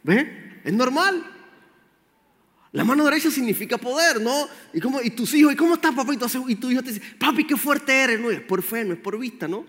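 A man's voice: very high-pitched, animated, brisk, fairly bright tone. A man preaching a sermon, speaking directly and with animation to his congregation. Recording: roomy hall with faint music.

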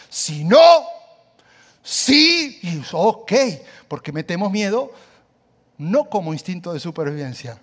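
Pastor guy preaching, lively up-and-down voice, talks right to the crowd. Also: high voice, breathy edge. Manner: animated, emphatic, conversational asides. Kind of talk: sermon.

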